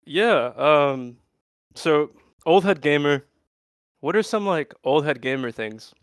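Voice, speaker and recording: Smooth-voiced young man co-hosting, teasing. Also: fairly high pitch, expressive, slow pace, no echo, clean studio sound. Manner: teasing, goofy banter with swearing. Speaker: podcast co-host. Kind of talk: casual chat.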